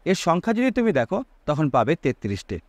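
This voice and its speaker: Guy teaching grammar, asks the class questions, stretches out vowels, very lively up-down voice. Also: on the high side, dry recording. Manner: rhetorical questions to students, drawn-out sung vowels. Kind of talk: explanatory grammar lesson.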